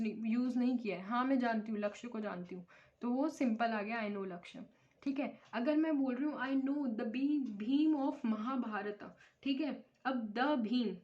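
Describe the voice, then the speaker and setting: A woman teaches an English grammar lesson, explaining step by step and checking in with her students. Her voice sits fairly high. The recording sounds dull and lo-fi. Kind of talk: classroom lecture.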